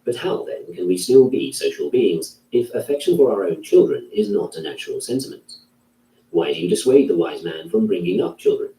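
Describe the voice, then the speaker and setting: A man reading a classic philosophy text aloud in a measured, solemn manner. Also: fairly low pitch, animated, creaky, warm tone. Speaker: narrator. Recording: roomy, distant from the mic.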